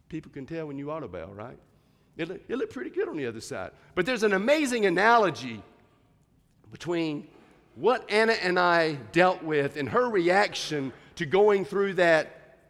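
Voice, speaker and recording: A man preaching a sermon, telling a story in an animated way and acting out voices along the way. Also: fairly high pitch, long reverb tail. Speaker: pastor.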